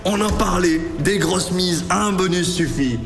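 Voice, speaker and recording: A man giving excited livestream commentary as he plays slots. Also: high-pitched, measured pace, gravelly. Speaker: gambling streamer. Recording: roomy echo, faint music behind.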